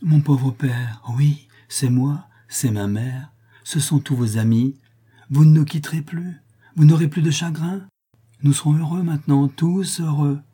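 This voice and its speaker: A man's voice: on the high side, measured pace, hardly any pauses, warm tone, breathy edge, voice pushed up. A man reading a novel aloud and voicing a young daughter who pleads tenderly with her father. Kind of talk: audiobook character voice.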